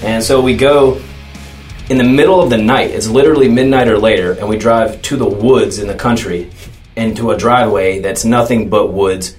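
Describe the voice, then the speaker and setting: A man from North Carolina who fronts a metal band, telling stories in a relaxed, joking way during a casual interview. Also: on the low side, normal speed, soft background music. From Charlotte, North Carolina. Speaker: band singer and guitarist.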